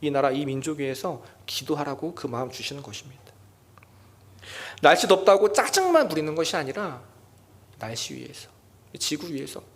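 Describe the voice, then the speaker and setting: A young adult man with a voice on the high side preaches a sermon as junior pastor at a church prayer meeting. When he quotes lines, he acts them out in a loud, raised voice.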